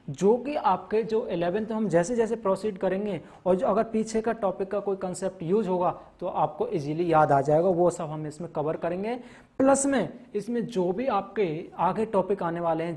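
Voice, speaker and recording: A man's voice: high-pitched, mellow. A man teaching maths in a classroom lecture, walking through topics step by step and often checking in with his students. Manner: frequent "theek hai na" check-ins, mixes English terms; explains step by step, listing topics.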